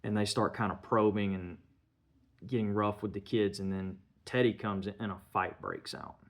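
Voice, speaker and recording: A man's voice: fairly low pitch, fairly even intonation, normal speed. A man giving a casual spoken film review, retelling the scenes step by step and slipping in bits of dialogue.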